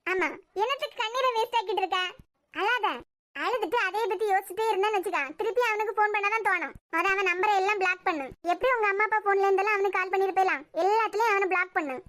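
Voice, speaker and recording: A woman's voice: very high voice, fast talker, a bit bright. A woman voicing a blunt, protective young friend in a cartoon series, lecturing firmly with a Kanyakumari Tamil accent. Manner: firm, lecturing.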